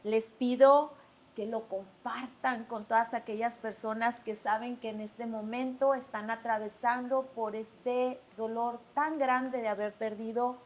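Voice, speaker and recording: Soft-spoken woman podcast host, slightly high. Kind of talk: gentle, empathetic interview.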